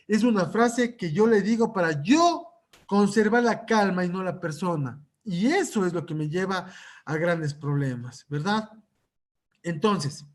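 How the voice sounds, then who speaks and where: A man with a high-sitting voice lectures at a conference on psychological first aid. He checks in with his audience often by asking rhetorical questions.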